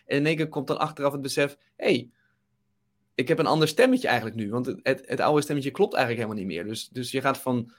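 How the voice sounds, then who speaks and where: A man hosts an interview, asking questions and reflecting back his guest's points in a thoughtful way. His voice sits at a middle pitch and sounds plain and conversational. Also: a bit bright. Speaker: host.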